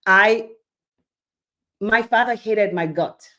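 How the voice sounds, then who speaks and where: Taking it slowly, a medium-pitched woman from Nigeria preaches a sermon-style Bible teaching. She remains animated, acting out scenes, posing rhetorical questions, and regularly checking in by asking "okay?".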